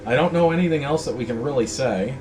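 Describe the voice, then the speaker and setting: A man's voice: mid-range voice, quick pace, darkish tone, faint music behind. A man hosting a casual talk video, rambling in a blunt, indignant way. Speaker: host. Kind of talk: casual ranting chat.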